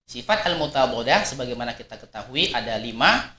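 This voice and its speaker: A man gives a patient recitation lesson in a middle-range voice. He repeats his points and sounds out each example slowly and clearly. His voice rings in an echoey room. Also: medium pitch, expressive, pushed and bright. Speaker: Quran recitation teacher. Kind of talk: explanatory religious lesson.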